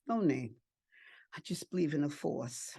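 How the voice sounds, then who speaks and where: A woman's voice: sits low, expressive, a little slow, creaky, mellow, breathy edge, no echo, studio quality. An older woman, an adoptive and foster parent, giving a heartfelt personal testimony and repeating phrases for emphasis. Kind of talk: emotional personal testimony speech.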